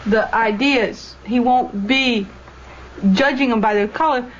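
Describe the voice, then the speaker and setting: A young woman with a fairly high voice speaks earnestly and with firm opinions. She talks casually within a group. The audio is dull and lo-fi, with a faint hiss. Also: measured pace. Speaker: former student. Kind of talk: candid group discussion. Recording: dull lo-fi documentary audio with faint room noise.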